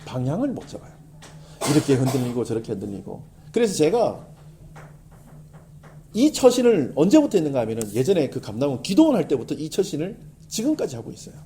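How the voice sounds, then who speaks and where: A middle-aged male pastor giving a sermon in an animated, conversational style, with emphatic swings in delivery. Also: a little high, fairly quick, slight background noise.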